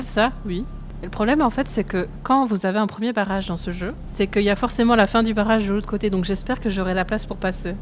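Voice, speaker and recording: A woman's voice: medium pitch, a little hiss or hum. Belgian woman streaming a truck game, chatty, laughs a lot, talks to chat, mid voice. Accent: Belgian French. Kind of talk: live gameplay commentary to chat.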